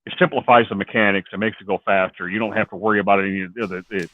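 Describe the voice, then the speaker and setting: A man's voice: lowish voice, fairly even intonation, fast. A man in a casual chat, rambling a bit as he explains tabletop rules through worked examples. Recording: tinny phone-like line, dry.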